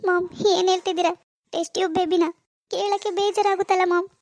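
Give me a woman playing a self-pitying young cartoon wife, tearful, high-pitched and quick. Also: little pitch movement, a little mellow, no room sound, studio quality. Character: tearful young married daughter, rich and proud. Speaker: grieving daughter. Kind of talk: cartoon voice acting.

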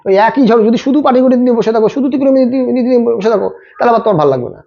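Fast-talking high-voiced male tutor. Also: lo-fi sound. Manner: rapid, repetitive, coaching students directly. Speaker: maths tutor. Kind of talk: exam tips lesson.

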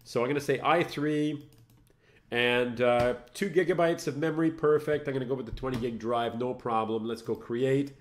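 A man's voice: medium pitch, normal speed, a little hiss or hum. A middle-aged French Canadian man hosting a casual live tech show, chatty and self-mocking, laughing often as he works. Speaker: host. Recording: roomy, echoey room sound.

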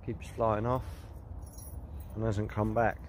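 Man, lowish voice, halting casual video diary, outdoors, faint ambience behind. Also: flat delivery, slight background noise. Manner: hesitant, many ums and restarts. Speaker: wildlife photography vlogger. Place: outdoors by water in nature.

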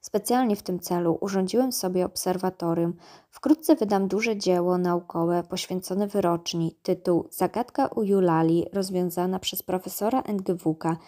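Lady reading as a grumpy pompous old gnome guy, low dark voice, full of himself. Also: normal speed, natural voice. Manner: grumbling, self-important.

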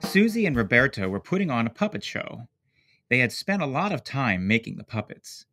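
A man reading a picture book aloud as narrator, with slow, expressive storytelling. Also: medium pitch, soft background music.

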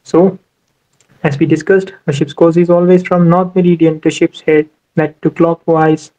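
A maritime navigation instructor, a man with a slightly high, mellow voice, talks over a tablet screen recording of a whiteboard. He walks through ship navigation step by step, sprinkling in lots of "you know"s. The audio sounds dull.

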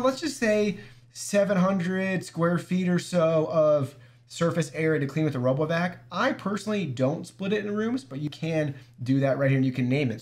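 A man with a somewhat high-pitched voice reviews a gadget in a loose, easygoing way. He walks through menus step by step and talks straight to his viewers. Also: a little mellow. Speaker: product reviewer. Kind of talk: casual app walkthrough demo.

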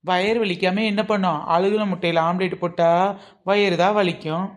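A woman's voice: fairly low pitch, fairly even intonation, moderate pace, close to an everyday voice. A woman playing a sly, scheming woman omelette seller who teases and haggles in a comic skit. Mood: gloating. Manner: teasing, mock-innocent.

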